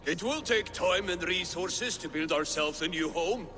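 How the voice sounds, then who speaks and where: A practical Viking counsellor in a video game. He is formal and reasoned, with a voice a touch higher than most men's. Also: unhurried. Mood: pragmatic. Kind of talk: dramatic video game dialogue.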